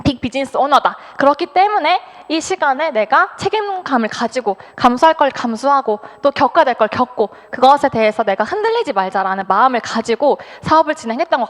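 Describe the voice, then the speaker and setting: Woman, 20s, high lively testimony voice, speaking in a reverberant hall. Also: a little fast, few pauses. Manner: animated, acts out quoted thoughts, laughs often. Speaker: business speaker. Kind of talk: personal testimony talk.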